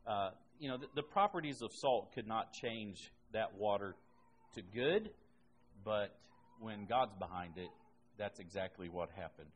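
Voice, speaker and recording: A man's voice: lowish voice, animated, measured pace, slight background noise. A man teaching a Bible class in a conversational way, reading scripture aloud and then explaining it with asides.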